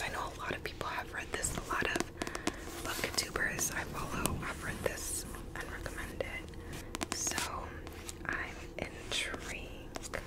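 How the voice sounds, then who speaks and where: A woman in her twenties whispering close to the microphone in a casual, rambling ASMR style as she talks about books. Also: poor audio. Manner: whispering throughout. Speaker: ASMR book vlogger. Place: bedroom, indoors. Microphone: close microphone with fluffy windscreen.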